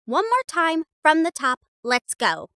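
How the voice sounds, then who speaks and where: Voicing a young catgirl cheerleader captain in an audio roleplay, a woman uses a high, girlish pitch and bossy, sassy mean-girl confidence, jabbing each word. Her exaggerated, loud delivery is unhurried with big pitch swings, recorded dry with no echo or room sound.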